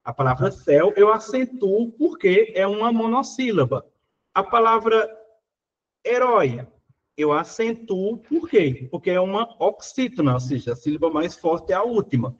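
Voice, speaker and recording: A man's voice: high voice, very animated, moderate pace, highs cut off. A Brazilian Portuguese man teaching, working through exam questions in a casual, conversational way, full of little fillers.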